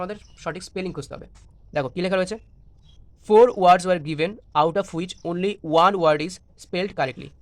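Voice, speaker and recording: A man's voice: a little high, fairly bright tone. A man with a Bengali accent teaching an exam-prep English lesson, spelling words letter by letter and mixing Bengali with English.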